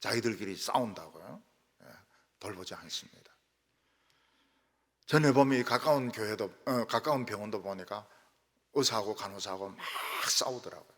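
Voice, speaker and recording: An older man preaching a sermon as pastor, telling stories with lively asides and mimicking how people quarrel in regional dialects. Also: on the low side, moderate pace, long pauses. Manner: animated storytelling, acts out quarrels in regional dialects. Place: church sanctuary. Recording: reverberant church hall.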